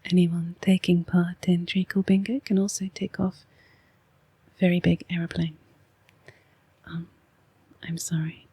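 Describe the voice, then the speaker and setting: A woman with an English accent speaks in a hushed, half-whispered ASMR voice, unhurried and very breathy. She reads oracle cards in a soft ramble, with a close, dry sound. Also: fairly low pitch, little pitch movement, no echo. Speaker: oracle card reader and ASMR host. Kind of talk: soft-spoken rambling ASMR card reading.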